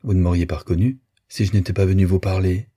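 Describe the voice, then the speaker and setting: A man reading the lines of a weary middle-aged gentleman in an audiobook, restrained and gently gruff. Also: deep voice, steady tone, fast.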